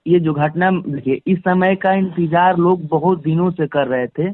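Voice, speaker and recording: In a chatty phone interview, a male guest speaks with emphasis and repeats phrases for stress. His voice is a little high and a little slow. Captured over a phone line with no room sound, the audio is tinny and band-limited.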